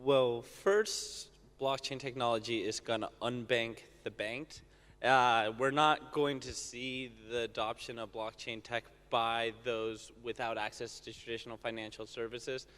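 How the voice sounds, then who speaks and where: A man speaking as a panelist in a conference discussion, talking quickly and casually with fillers. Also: mid-range voice, a bit bright. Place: conference stage. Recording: reverberant conference hall.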